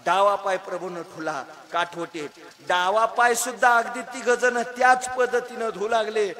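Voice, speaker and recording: High bright-voiced comic kirtan preacher. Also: male voice, fairly even intonation, moderate pace. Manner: storytelling, emphatic, addresses audience directly. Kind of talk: comic devotional sermon. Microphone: handheld microphone.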